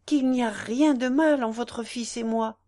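A woman voicing an anguished young woman who pleads through her tears, in a slow storybook reading. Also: on the high side, dark tone, close to an everyday voice. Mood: indignant. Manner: pleading, tearful.

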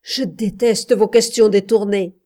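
A woman's voice: lowish voice, fairly even intonation, unhurried, darkish tone, lightly acted. A woman reading aloud voices a defiant wife who answers her husband's questions in curt, cold replies in a storybook reading.

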